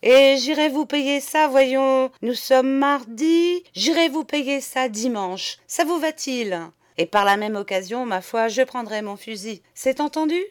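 A woman voicing a boastful, blustering middle-aged man, the master of the house, who talks loudly and swears freely. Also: very high voice, measured pace, hardly any pauses, clear, resonant tone, pitched above the performer's own voice. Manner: loud, swaggering, swears freely.

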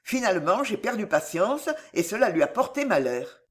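An audiobook reader voicing a seasoned male swordsman who speaks calmly and dryly, with biting irony. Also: mid-range voice, moderate pace, natural voice. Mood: calm grave. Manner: calm, dry and mocking. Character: cool, ironic male swordsman, seasoned fighter. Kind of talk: audiobook character voice.

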